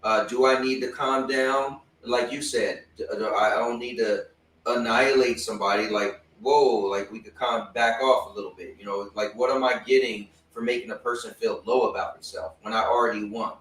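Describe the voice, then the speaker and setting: A man hosting a casual talk show, telling animated stories and acting out other people's lines. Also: medium pitch, moderate pace, echoey room, far from the mic, a little hiss or hum, rough recording. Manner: animated storyteller, acts out friends' lines. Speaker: host. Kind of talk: casual chat.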